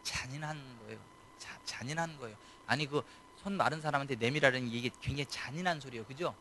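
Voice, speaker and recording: A man's voice: mid-range voice, fast, sharp tone, slight background noise. A man preaching as pastor at a late-night church service, questioning his congregation and pressing his points home. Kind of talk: sermon.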